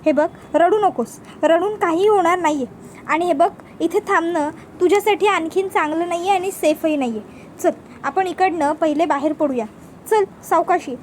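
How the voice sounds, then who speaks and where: A woman reading as a stern young lawyer, very high. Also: moderate pace, darkish tone, slight background noise. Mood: soothing. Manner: firm, lecturing, insistent. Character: stern young woman lawyer scolding her father-in-law.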